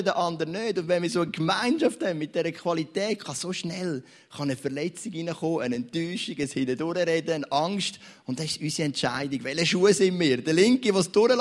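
A young man with a Swiss German accent preaching a sermon in church, telling stories with big swings between loud and quiet. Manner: animated, storytelling, wide swings in pitch and loudness.

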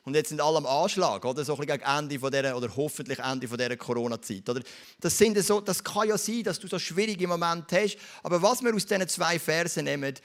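A man preaching with a Swiss German accent, his voice sitting a little higher than most men's. He tells the story with energy and keeps turning to the congregation, tossing in short questions to draw them in. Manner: storytelling, addresses listeners directly with tag questions. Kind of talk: sermon.

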